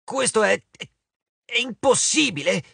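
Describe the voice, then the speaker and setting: A man voicing a vain, blustering male giant who squeaks and stammers. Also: expressive, a little slow, gravelly, sharp tone, slightly rough, dry recording, exaggerated voice. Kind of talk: audiobook character voice.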